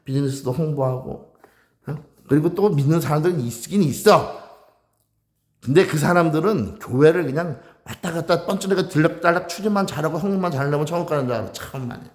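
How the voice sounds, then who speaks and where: A man preaching a sermon as pastor, fiery and rebuking, acting out voices and shouting. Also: a little high, a little fast, roomy sound.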